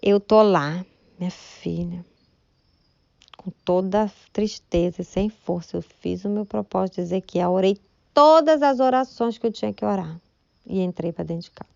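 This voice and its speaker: A woman's voice: mid-range voice, normal speed, gravelly, a little mellow, no room sound, highs cut off. A woman gives a church testimony in a chatty, emotional storytelling manner, often turning to her listeners for agreement. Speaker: church member giving testimony. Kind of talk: spoken religious testimony.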